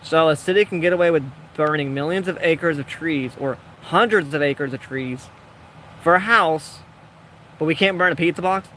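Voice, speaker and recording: A young man with a slightly higher voice gives loose, rambling commentary as he plays, chatting to himself and the game. A faint hum sits behind his voice. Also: normal speed, fairly bright tone. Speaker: gaming vlogger. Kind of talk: casual gameplay commentary.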